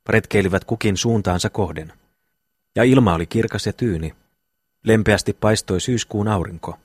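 Man, low voice, audiobook narrator, measured old-fashioned reading, dry sound. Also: a little mellow, no room sound. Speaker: audiobook reader.

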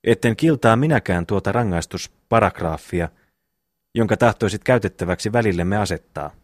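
Man reading calm wise brother, measured, moralizing, low voice, dry close sound. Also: no room sound. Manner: measured, sermonizing.

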